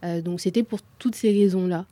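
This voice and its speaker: A young woman speaks calmly in a casual group discussion. Her voice is mellow and warm, and sits slightly low. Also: a little fast, dry recording.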